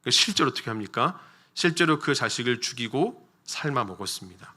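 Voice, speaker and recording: Bright-voiced Korean pastor preaching. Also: male voice, medium pitch, expressive, fairly quick. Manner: frequent fillers "자" and "예", storytelling with rhetorical questions. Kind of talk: sermon. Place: church sanctuary.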